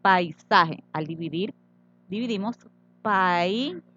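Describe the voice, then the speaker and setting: A woman teacher explaining Spanish syllables and accents slowly and patiently in a recorded grammar tutorial. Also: medium pitch, animated, dull audio.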